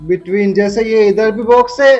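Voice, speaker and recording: A woman's voice: sits high, dull audio, soft background music. A woman teaching a grammar lesson to young children, drawing out words and asking the class questions. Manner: slow, drawn-out teacherly calls and questions to the class.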